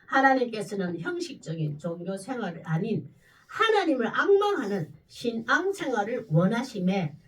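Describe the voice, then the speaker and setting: A woman pastor delivering a sermon, preaching with sudden loud, emphatic bursts. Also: on the high side, big pitch swings, moderate pace, distant mic, rough recording.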